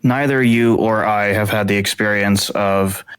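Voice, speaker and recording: Laid-back man chatting, low voice. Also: fairly even intonation, measured pace, fairly bright tone, smooth. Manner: rambling, laughs easily, lots of fillers. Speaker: podcast co-host. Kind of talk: casual book discussion.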